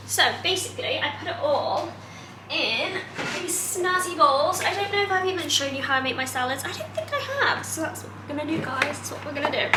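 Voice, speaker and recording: A young woman chatting casually while she cooks, self-deprecating and swearing offhandedly, filmed on a camera set on a kitchen counter. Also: sits high. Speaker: vlogger. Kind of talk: casual vlog chat while cooking. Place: home kitchen. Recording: echoey kitchen with loud background noise.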